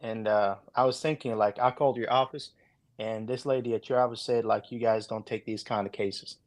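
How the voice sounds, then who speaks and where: A man's voice: fairly low pitch, fairly even intonation, fairly quick. A man with an Arabic accent calling in and telling his account casually, politely and hesitantly, often repeating himself. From Saudi Arabia. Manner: hesitant, repetitive, polite, addressing listener as brother. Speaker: caller.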